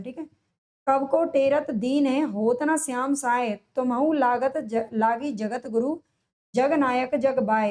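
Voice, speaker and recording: A woman with a high voice teaching an exam-prep lesson. She asks each question and answers it herself, and she stretches out and repeats the key answers so students remember them. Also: darkish tone. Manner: drawn-out, stressed delivery on answers. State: sore throat.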